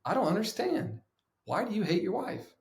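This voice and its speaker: A man putting on a higher, probing mentor voice. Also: very animated, normal speed, roomy sound. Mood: puzzled. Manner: feigned confusion, gently persistent questioning. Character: calm middle-aged male mentor, probing boss.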